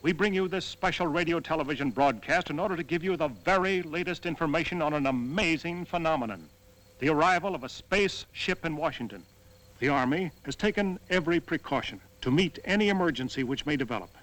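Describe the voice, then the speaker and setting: Male news commentator, slightly high voice, formal, grave, measured special broadcast. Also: animated, fairly bright tone, poor audio. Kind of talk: grave live radio-television special broadcast.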